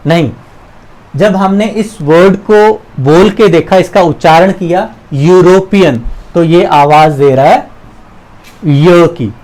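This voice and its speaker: A man's voice: high-pitched, darkish tone, poor audio. A man teaching English grammar, patiently walking through examples and quizzing the viewer. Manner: patient, repeats examples and asks questions. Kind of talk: explanatory lesson.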